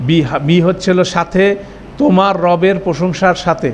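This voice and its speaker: Male teacher, high voice, patient step-by-step classroom explainer, slight room hiss. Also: steady tone, moderate pace. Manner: explains step by step with frequent check-ins. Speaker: Arabic grammar teacher. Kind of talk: classroom lecture.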